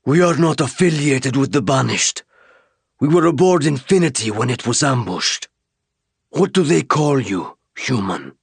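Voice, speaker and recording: A man voicing Kor, a towering alien warrior leader, loud and accented. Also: medium pitch, lively intonation, measured pace, gravelly, slightly rough, dry recording, studio quality, pitched above the performer's own voice, full character voice. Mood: commanding. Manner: grave, accented, clipped and formal. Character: hulking alien male warrior leader, menacing and commanding. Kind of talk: audiobook character voice.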